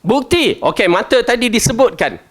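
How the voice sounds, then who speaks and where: A man with a Malaysian Malay accent teaching a Quran commentary lesson, chatty and animated, often asking his listeners questions. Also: normal speed. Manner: animated, jumps between loud stresses and low asides. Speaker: religious teacher.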